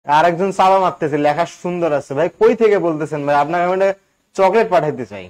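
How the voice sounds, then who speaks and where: High-voiced man teaching grammar. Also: quick pace, a little mellow. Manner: chatty, quizzes students with questions. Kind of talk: live online class.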